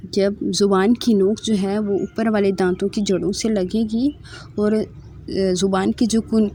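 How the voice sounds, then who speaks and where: A woman gives a slow, patient lesson on letter sounds. She voices each letter several times in a drawn-out way, then explains how to shape it in plain, steady speech. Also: medium pitch, a little hiss or hum. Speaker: Quran reading teacher.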